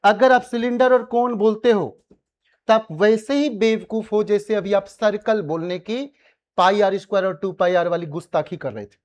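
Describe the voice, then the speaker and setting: During a maths lecture, a male teacher teases and coaxes his students into answering, working English phrases into what he says. His voice is high-pitched and darkish, at a moderate pace.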